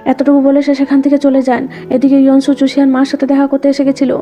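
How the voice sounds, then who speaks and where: Woman, high voice, very flat monotone delivery, drama recap voice-over, quiet music underneath. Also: fast. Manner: reads quoted dialogue in the same even narrating voice. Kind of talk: scripted drama recap narration. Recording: dull lo-fi voice-over with background music.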